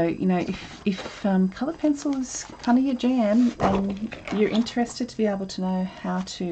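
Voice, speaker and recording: Her mid-range voice is creaky and dark as she teaches a casual live draw-along from home. The art instructor rambles and chats, full of ums, and the rough recording picks up slight background noise.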